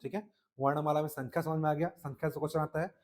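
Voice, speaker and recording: A man's voice: on the high side, fairly even intonation, racing, darkish tone, a little hiss or hum. Man teaching Hindi with a Chhattisgarhi accent. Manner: repeats "ठीक है" and quizzes listeners. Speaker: exam-prep Hindi teacher. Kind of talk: classroom lecture.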